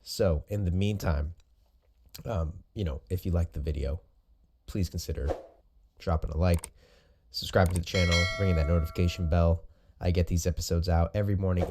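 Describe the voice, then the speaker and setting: A man's voice: sits low, steady tone, brisk, noisy background. A man speaking as a host and coach, giving casual, informal explanatory commentary over recorded sparring footage. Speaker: host and jiu-jitsu coach.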